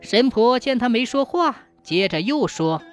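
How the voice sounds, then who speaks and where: A woman narrating a ghost story in a measured, suspenseful way. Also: a little high, expressive, soft background music.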